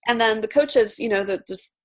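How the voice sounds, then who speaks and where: A woman's voice: fairly high pitch, moderate pace. A woman from Romania hosting an online coaching session over a video call, upbeat and chatty as she greets each guest by name. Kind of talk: casual video-call welcome and introduction.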